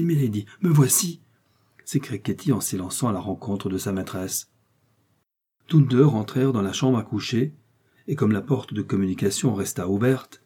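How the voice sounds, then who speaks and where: A man narrating a classic novel in a measured, expressive reading. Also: on the low side, husky. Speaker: audiobook narrator. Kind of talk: literary audiobook narration.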